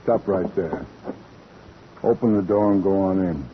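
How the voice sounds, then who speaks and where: An actor playing a nervous, reluctant accomplice with a gun in an old radio crime drama. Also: male voice, low-pitched, measured pace, a little hiss or hum. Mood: uneasy, threatening. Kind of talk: 1940s radio acting. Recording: muffled old radio recording, music behind.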